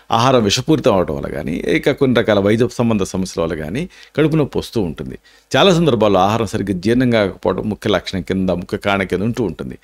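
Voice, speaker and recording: A man's voice: on the low side, gravelly, darkish tone. A man, an Ayurvedic doctor giving health tips and explaining symptoms and home remedies. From India.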